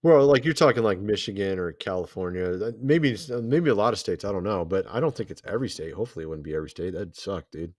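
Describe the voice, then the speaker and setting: Man, co-host, low voice, loose chatty talk, lots of "like", dry sound. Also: expressive, fast, few pauses, a little mellow, no room sound. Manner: loose, filler-heavy, says "like" a lot. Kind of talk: casual reaction chat.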